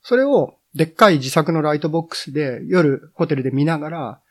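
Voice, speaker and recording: A middle-aged man talking as a podcast guest, reminiscing in an unhurried way with many drawn-out fillers. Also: a little high, animated. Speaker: guest, editor and cycling journalist. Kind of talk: casual podcast conversation.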